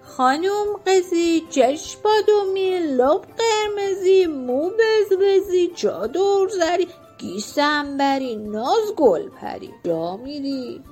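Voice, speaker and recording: A brash, pushy shopkeeper from a children's storybook who blurts out his proposal, as a woman puts him on. The voice stays fairly high and a bit slow, with music softly behind. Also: expressive. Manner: pushy, blunt. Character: blunt pushy male shopkeeper suitor.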